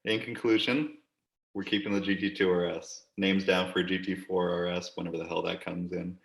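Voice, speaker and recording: A low, gravelly man talks in a flat, even voice, rambling and joking as he co-hosts a casual chat. The room around him rings with echo. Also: normal speed. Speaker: podcast co-host. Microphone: desk camera.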